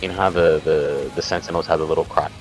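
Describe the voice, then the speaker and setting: A man's voice: a bass voice, fairly even intonation, quick pace, loud music behind the voice. A man talking casually about game mechanics while playing with friends, searching for words as he explains. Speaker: gamer. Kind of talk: casual gaming chat.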